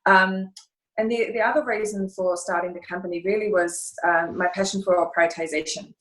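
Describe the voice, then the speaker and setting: A thoughtful interviewee with a German accent, a middle-aged woman who runs her own consultancy, talks over a video call from her fireplace-side room at home, where the sound echoes. Her voice is medium-pitched and fairly bright, steady and moderately paced, broken by frequent pauses as she searches for words.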